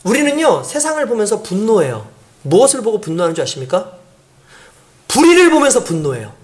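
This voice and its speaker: Lively man preaching a conversational sermon. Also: high voice, brisk. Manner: animated, acts out quoted voices; conversational, asks the congregation questions. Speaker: pastor.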